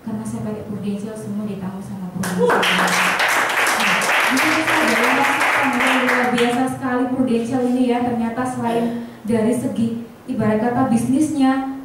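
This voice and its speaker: A woman tells a personal story to a room of colleagues, acting out each bit of dialogue with lively energy. Her voice sits a little high and sounds far from the mic, washed in the heavy echo of a big hall. Faint noise runs underneath. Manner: animated storyteller, acts out dialogue, often addresses the audience. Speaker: insurance agent speaking to colleagues. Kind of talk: personal story told to an audience.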